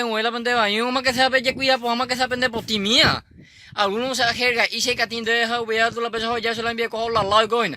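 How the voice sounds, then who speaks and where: A man's voice: very high voice, sharp tone, dry recording. A man doing a comic monologue, rambling in mumbled, clipped slang. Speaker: comedian.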